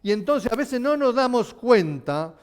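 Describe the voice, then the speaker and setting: A man's voice: very high-pitched, unhurried, clear, resonant tone. A male pastor preaching a sermon, asking his listeners questions. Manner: animated, asking the congregation questions.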